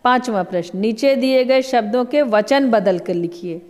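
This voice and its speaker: A woman teacher slowly giving a grammar lesson, patiently explaining each answer with many examples. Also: a little high, a little mellow, in a large hall. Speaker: Hindi teacher.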